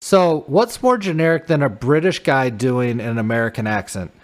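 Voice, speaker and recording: A man's voice: mid-range voice, moderate pace. A man co-hosting a casual podcast chat, joking with playful asides. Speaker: podcast co-host.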